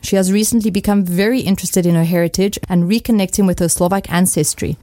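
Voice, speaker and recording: A woman's voice: fairly low pitch, fairly even intonation, fast, warm tone, no echo, clean studio sound. A woman hosting a radio program, reading scripted introductions in an announcer's manner. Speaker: radio host. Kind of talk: radio presenting. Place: radio studio.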